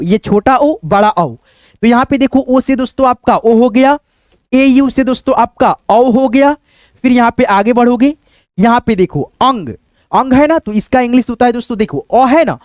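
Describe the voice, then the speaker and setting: A man teaching a beginners' online lesson, addressing viewers as friends again and again and slowing down to spell sounds out. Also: very high voice, darkish tone, dry recording. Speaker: English teacher. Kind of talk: online lesson explaining letters.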